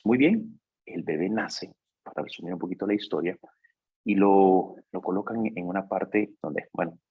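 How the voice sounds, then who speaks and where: A man telling a personal story in a talk, hesitant, with fillers and repeated words, going soft at the sad parts. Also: low-pitched, husky, no room sound. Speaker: life coach. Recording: dull, dry, lo-fi recording.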